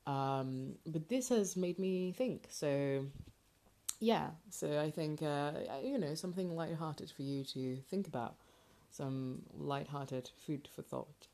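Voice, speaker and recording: A woman with a deep, slow, mellow voice hosts a casual solo podcast from her home garage, an indoor parking space. She talks informally and hesitantly, rambling as she goes. It's an amateur recording made on a makeshift mic rather than a proper microphone.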